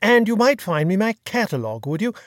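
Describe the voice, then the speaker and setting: A narrator voicing a genial, courteous aristocratic gentleman with a breezy, clipped upper-class manner, in an audiobook. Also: mid-range voice, big pitch swings, fast talker, no echo, clean studio sound, pitched above the performer's own voice, natural voice.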